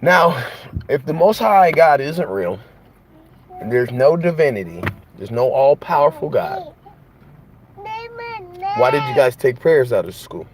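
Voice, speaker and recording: A man's voice: mid-range voice, sing-song, a little slow, long pauses, slight background noise. A man preaching in an impassioned monologue, piling up rhetorical questions and repetition. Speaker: host.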